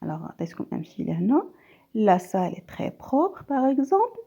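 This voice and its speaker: Schoolteacher, woman; dark, gravelly tone, slow and deliberate, mixes French with Arabic. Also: mid-range voice, very animated, lo-fi sound. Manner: switches between French and Moroccan Arabic, reads out example sentences. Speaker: primary school teacher. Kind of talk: video grammar lesson.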